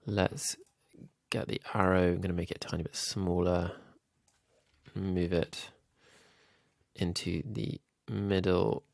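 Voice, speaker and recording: Low, gravelly, and slow, with little pitch variation, a YouTube growth coach sounds nasal and a bit sick as he thinks aloud through a screen-recorded design tutorial, dropping frequent ums. There's no room sound at all.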